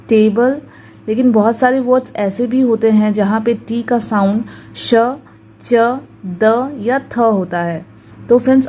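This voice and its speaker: A woman with a Hindi accent teaching English pronunciation in a video lesson, talking slowly and carefully, repeating words for drilling. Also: on the high side, mellow, slight background noise, rough recording.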